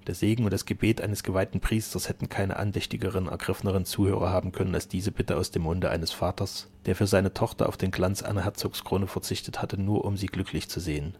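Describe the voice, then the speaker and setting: Gravelly low-voiced male audiobook narrator. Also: darkish tone. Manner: measured storytelling. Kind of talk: novel reading.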